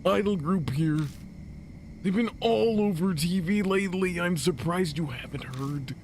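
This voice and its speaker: A man's voice: measured pace, darkish tone. A chubby young idol geek from a visual novel game, acted out by a man, talks eagerly in a raised, strained voice. There is faint noise in the background. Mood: eager, chatty. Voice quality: strained, high-pitched geeky voice. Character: round young male otaku, excitable idol fan.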